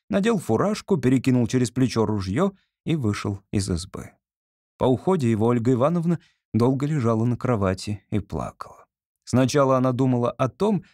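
A man reads a classic story aloud in a measured, expressive way. His voice sits at an ordinary middle pitch. The recording is close and dry, with no room sound. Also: no echo. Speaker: audiobook reader. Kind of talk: scripted literary narration.

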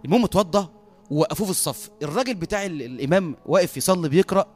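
An Egyptian man preaching a sermon as a lively storyteller who often laughs at his own tale. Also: high-pitched, rapid-fire, soft background music.

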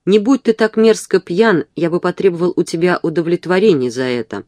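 A stiff, proper gentleman, voiced by the reader, protests with formal indignation in an audiobook. Dry, close sound. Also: mid-range voice, a little fast, no echo, natural voice. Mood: indignant.

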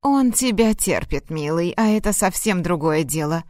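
A woman reading an audiobook, voicing a stern, weary dying mother in a low, hoarse, breathless voice. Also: expressive, normal speed, darkish tone, no room sound, clean studio sound, lightly acted. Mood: dismissive. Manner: firm, cutting, dismissive.

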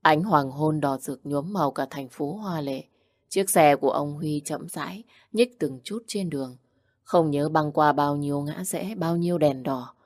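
A woman narrates a romance story in the manner of an audiobook. Her voice is low and her delivery steady and even. The recording is dry and close, with no room sound. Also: measured pace, no echo.

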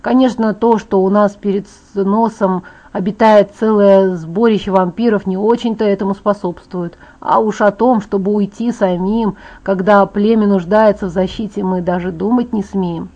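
A woman voicing a teenage werewolf boy in an audiobook, explaining things in a calm, wry tone. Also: medium pitch, moderate pace, few pauses, close to an everyday voice. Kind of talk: audiobook character voice. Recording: dull lo-fi audiobook file.

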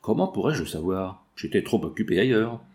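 A sly young brigand who hides his interest behind an offhand, evasive manner, as a male narrator puts him on. His voice has a gravelly edge. It is an audiobook reading. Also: fairly low pitch, lively intonation, moderate pace, a little mellow.

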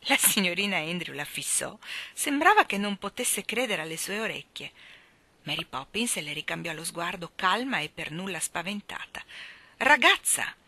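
A woman reading a children's novel aloud in an expressive storytelling manner. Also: on the low side, normal speed, no room sound. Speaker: reader. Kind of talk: audiobook reading.

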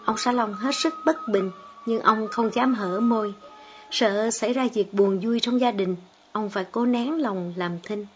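Woman reading a story. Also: a little high. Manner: steady, measured reading. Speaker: audiobook reader. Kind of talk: storybook narration. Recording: dull lo-fi audio with faint background music.

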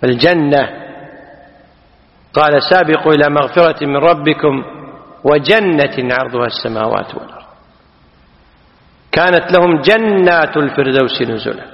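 A man teaching a class on a classical text. He explains slowly, repeats key words and quizzes his listeners. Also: a little high. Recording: dull, echoey hall.

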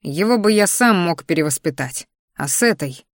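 A woman narrating a first-person fantasy audiobook in a steady, measured reading voice. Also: lowish voice, dry recording, studio quality.

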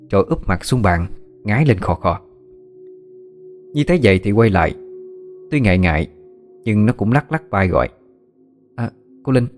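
A man, telling a ghost story in a steady, even way. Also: fairly low pitch.

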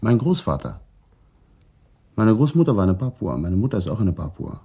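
In a German radio crime drama, a middle-aged actor plays a traffic policeman under questioning who stays calm and reflective, answering in a measured, guarded way. His fairly low voice is gravelly with a breathy edge, and the performance is heavily acted.

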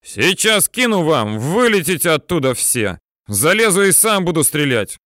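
A young fighter bangs on a tank and yells, half begging, half threatening, as a man reading a war novel voices him. The voice climbs high and forceful. Dry, close sound with no room. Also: big pitch swings, moderate pace, no room sound. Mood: desperate shouting. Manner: shouting, pleading and threatening. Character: desperate young male soldier yelling into a tank.

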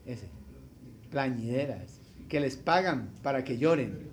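A man preaching a sermon as a pastor, speaking to his listeners directly, repeating his points and swinging from loud bursts to quiet asides. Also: medium pitch, lively intonation, slow, a little hiss or hum. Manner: repetitive, addresses listeners directly as brother.

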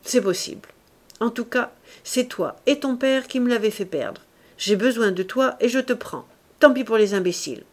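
A woman performs a fierce, overbearing young woman in an audiobook of a classic, sounding imperious and threatening and raising her voice. She pitches it fairly high, above her own voice, yet it stays close to everyday speech, slightly mellow and at normal speed.

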